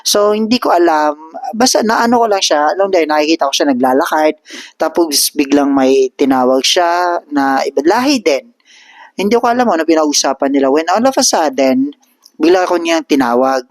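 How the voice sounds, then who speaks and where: Animated man telling a story. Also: on the high side, moderate pace, no echo, studio quality. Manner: animated, switches between Tagalog and English. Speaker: vlogger. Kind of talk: casual storytelling.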